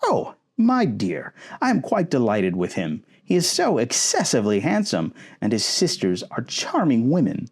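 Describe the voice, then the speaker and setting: A man voicing an excitable, gossipy middle-aged mother from a storybook, effusive and dramatic. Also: medium pitch, moderate pace, few pauses, husky, full character voice. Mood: gushing, excited. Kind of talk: storybook character acting.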